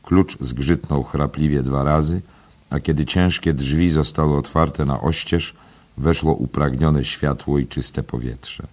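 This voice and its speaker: Very deep-voiced male audiobook narrator. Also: steady tone, a little slow, darkish tone. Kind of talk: scripted narration.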